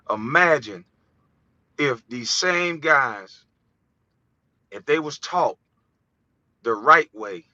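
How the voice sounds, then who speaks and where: An American vlogger launches into a heated, preachy monologue full of profanity and passion. His mid-range voice has a sharp tone, and the recording is dull, dry and lo-fi.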